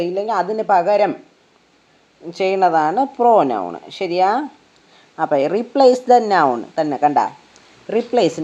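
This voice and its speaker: This dull lo-fi recording features a woman explaining English grammar in Malayalam in a medium-pitched, darkish voice. She breaks the material into slow, patient steps and frequently asks rhetorically whether the listener has got it.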